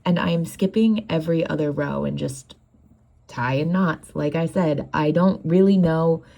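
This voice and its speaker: Young female vlogger, low gravelly voice, chatty and self-deprecating, a bit stuffy-nosed. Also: measured pace, warm tone. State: runny nose. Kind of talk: casual voice-over vlog.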